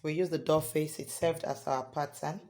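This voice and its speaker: A hoarse man teaching a sewing tutorial step by step, often checking in with "okay?". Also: a little high, steady tone, moderate pace, a little mellow. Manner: repeats points, ends lines with "okay?". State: hoarse from singing. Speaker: sewing instructor.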